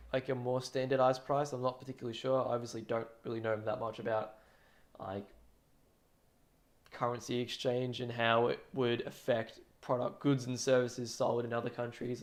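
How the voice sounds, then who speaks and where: A young man chatting casually on a charity livestream, rambling and trailing off, with frequent laughs. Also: medium pitch. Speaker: streamer drumming for charity.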